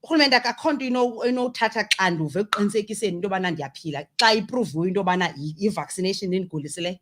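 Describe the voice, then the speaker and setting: A woman's voice: medium pitch, very fast, background noise. A woman with a South African Xhosa accent presenting a conversational radio interview, talkative and emphatic as she switches between two languages.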